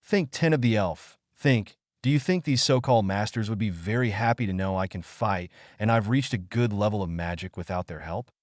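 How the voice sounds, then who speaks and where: A man voicing a secretive young male wizard in a read-aloud story, speaking calmly with a harsh, knowing edge. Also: lowish voice, moderate pace, hardly any pauses, no room sound, clean studio sound, natural voice. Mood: threatening. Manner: calm, cutting, knowing. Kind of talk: audiobook character voice.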